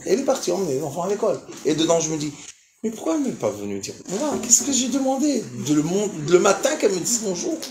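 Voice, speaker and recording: Animated older man lecturing in an echoey hall. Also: high-pitched, a little hiss or hum. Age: 50s or older. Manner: animated, acts out dialogue, laughs while telling. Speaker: rabbi giving a lecture. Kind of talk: storytelling lecture to a live audience.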